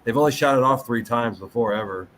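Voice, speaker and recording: A man co-hosting a casual podcast, passing along details in loose, halting phrasing. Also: medium pitch, fairly bright tone, a little hiss or hum. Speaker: podcast co-host. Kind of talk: casual chat.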